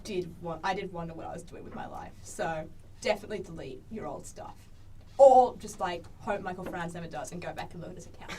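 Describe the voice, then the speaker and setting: A young woman chatting on a student podcast in an animated, teasing way. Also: lowish voice, brisk, recorded from a distance, slight background noise. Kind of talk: casual chat.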